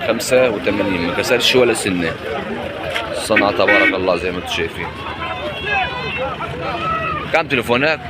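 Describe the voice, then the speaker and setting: A man's voice: fairly low pitch, lively intonation, fairly quick, long pauses. A man with an Upper Egyptian accent hosting at an outdoor livestock market, haggling with short repeated questions and echoing the prices. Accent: Upper Egyptian Arabic. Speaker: market video host asking prices. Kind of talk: casual street interview with price haggling. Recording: very loud crowd and street noise.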